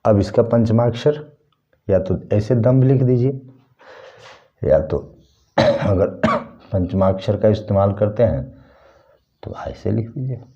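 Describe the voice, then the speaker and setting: A male teacher works through a Hindi lesson, writing at a board and explaining each point patiently. His voice is low and very dark, and he speaks slowly. The recording sounds dull and lo-fi. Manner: slow, explanatory, tells a story as an example.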